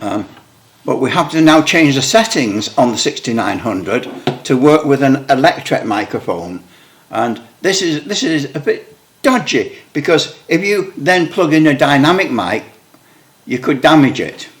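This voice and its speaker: A CB radio hobbyist gives a casual hands-on demo of his gear, thinking aloud as he adjusts settings and microphones, using a headset mic for part of the test. His medium-pitched voice is sing-song, a little slow and somewhat bright, with a little hiss or hum in the audio.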